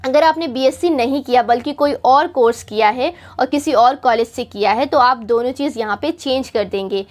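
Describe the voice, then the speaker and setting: High-voiced Indian woman teaching English. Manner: slow, drawn-out English example phrases; patient, repeats points for students. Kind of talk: spoken English lesson.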